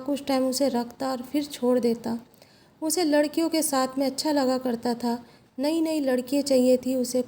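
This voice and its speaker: A woman telling a first-person story in a steady, even storytelling delivery. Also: high voice.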